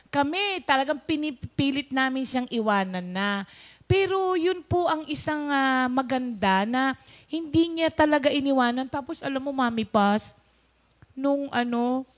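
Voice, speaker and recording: High-voiced woman sharing a testimony. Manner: storytelling, mixes English into Tagalog, acts out quoted speech. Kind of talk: personal testimony told to viewers.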